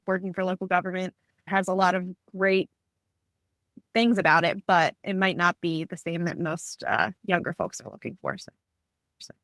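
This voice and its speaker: A woman's voice: lowish voice, fairly bright tone, dry recording, studio quality. An American woman in her thirties, an assistant manager speaking openly and earnestly in a roundtable discussion. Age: 30s.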